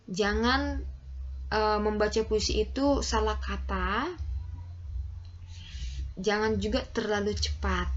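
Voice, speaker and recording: A woman's voice: medium pitch, fairly bright tone, lo-fi sound. A woman teacher giving a class lesson, explaining step by step with frequent "oke" and "ya" check-ins.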